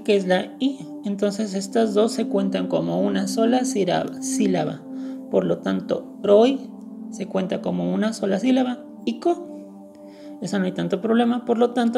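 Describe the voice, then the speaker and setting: A woman's voice: medium pitch, creaky, warm tone. A woman teacher giving a recorded lecture to her students, explaining step by step in a patient way and correcting herself now and then.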